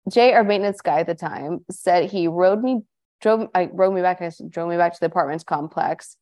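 A woman co-hosts a casual podcast, chatting and reading listener stories aloud while adding her own asides. Her voice is lowish and a little mellow, and she talks briskly.

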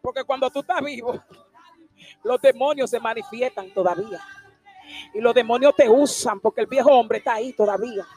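A woman preaching a passionate sermon, emphatic and sometimes shouting. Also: a little high, brisk, breathy edge, no room sound, soft background music. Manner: impassioned, emphatic, at times shouting.

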